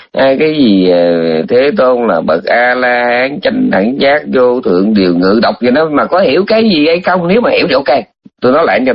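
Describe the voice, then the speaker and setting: Husky man giving a dharma talk. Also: mid-range voice. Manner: chatty, teasing, repeats points with emphatic asides. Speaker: Buddhist dharma teacher. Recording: dull lo-fi recording.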